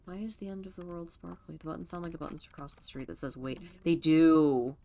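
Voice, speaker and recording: A woman's voice: lowish voice, fast talker, vocal fry, a little mellow. A woman streaming a video game, chatting to her viewers and thinking aloud as she plays, with the odd swear. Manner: talks to chat while playing, thinking aloud, swearing. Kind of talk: casual let's-play commentary.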